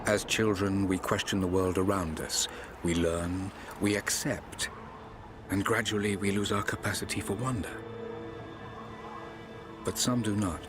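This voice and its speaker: Deep, solemn game prologue narrator. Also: male voice, steady tone. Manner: measured, solemn, deliberate. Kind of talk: scripted cinematic game narration. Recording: loud music behind voice. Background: loud cinematic music.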